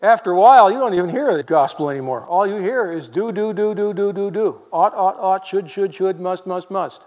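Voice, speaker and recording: A man preaching a sermon in a lively, conversational way, full of rhetorical questions to the congregation. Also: high voice, fairly quick, big-room sound, highs cut off.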